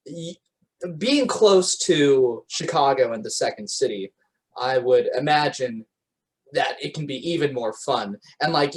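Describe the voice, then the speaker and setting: A man's voice: a little high, poor audio. A man hosting a podcast in a casual, laid-back chat, saying "yeah, man". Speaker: podcast host.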